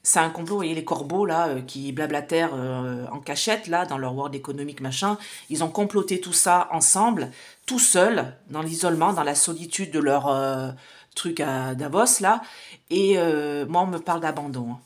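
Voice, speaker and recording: A woman in her forties with a low-pitched voice reads oracle cards in a relaxed, chatty way. She addresses her viewers directly and hesitates often as she speaks. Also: normal speed. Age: 40s. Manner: chatty, talks straight to viewers with many hesitations. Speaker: psychic card reader. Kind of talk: casual oracle card reading to camera.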